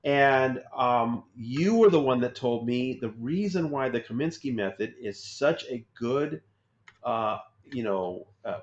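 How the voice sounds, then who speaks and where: Podcast host man in an echoey room. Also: a little high. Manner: conversational, steering questions. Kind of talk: casual interview chat. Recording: roomy, dull lo-fi sound.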